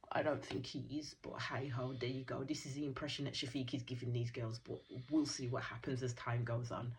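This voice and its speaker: A woman with a deep, low voice talks through a reality episode. Her delivery is casual, opinionated and full of slang and sarcastic asides. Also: expressive, moderate pace, a little hiss or hum. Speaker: reality TV reaction host. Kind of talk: casual recap commentary.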